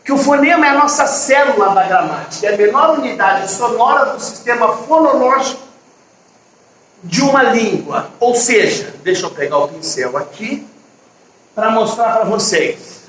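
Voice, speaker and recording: A man's voice: very high-pitched, lively intonation, normal speed, a bit bright, distant mic, slight background noise. A man teaching an online grammar lesson, explaining step by step and often checking in with his students. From Brazil. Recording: echoey room, voice from off-mic.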